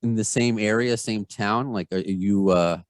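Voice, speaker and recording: A man in his thirties with a Long Island New York accent, hosting a podcast in a chatty, rambling, self-deprecating way. His voice is fairly low and sounds dry and close, with no room around it. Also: unhurried, no room sound. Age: 30s. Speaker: podcast host. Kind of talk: casual interview.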